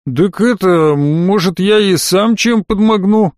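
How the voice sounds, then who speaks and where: A man's voice: high-pitched, slow, a little mellow, no room sound, clean studio sound, voice pushed up. A man voicing a fawning, folksy provincial cab driver with rustic, obsequious speech. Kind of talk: audiobook character voice.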